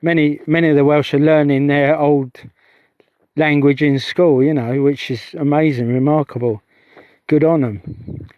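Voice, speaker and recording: The audio is dull and free of room sound as a middle-aged man, a vlogger who investigates UFOs, livestreams out on a heath. His voice sits a little high with a steady tone and an unhurried delivery, and his chatty talk meanders, breaking off and restarting repeatedly.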